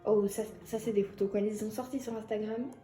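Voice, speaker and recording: A young woman chatting excitedly and giggling as she unboxes an album for her vlog. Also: medium pitch, fairly quick, roomy sound, faint music behind.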